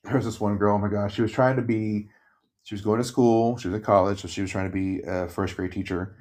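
A man telling work stories in casual chat, high and chatty, acting out the people he quotes. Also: fairly even intonation, fast talker, a little mellow.

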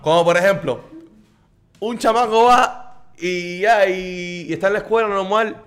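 A man's voice: high voice, measured pace, fairly bright tone, clear, resonant tone. Joking man hosting bar chat. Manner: joking, mixes English into Spanish. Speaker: podcast host.

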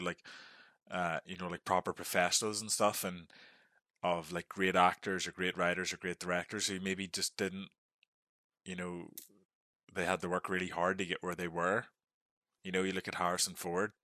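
A man's voice: sits low, bright, forceful tone, dry recording. A young man with a Northern Irish accent, chatting casually as a podcast guest, filling his talk with "like" and "mate".

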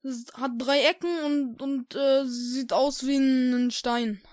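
A woman's voice: sits high, little pitch movement, slow, darkish tone, no echo, studio quality. A woman playing a cheeky eighth-grade boy who talks in rude street slang with broken grammar, in a comedic role-play sketch. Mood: cocky, bored.

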